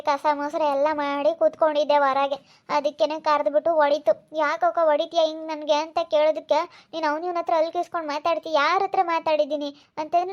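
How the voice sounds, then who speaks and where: A woman's voice: high voice, close to an everyday voice. A woman voicing a tearful teenage niece who pleads her innocence in an amateur family drama. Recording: dull lo-fi sound.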